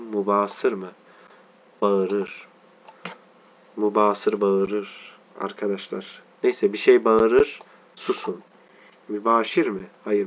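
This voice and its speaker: Low-voiced man teaching a reading lesson. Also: lo-fi sound, slight background noise. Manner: reads word by word, stops often to spell out letters and explain meanings. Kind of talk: reading lesson, slow and explanatory.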